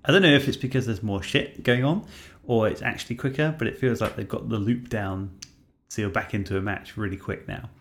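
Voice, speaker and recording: Low, gravelly man in relaxed chat. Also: fairly quick, hardly any pauses. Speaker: podcast co-host. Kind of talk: casual gaming podcast chat.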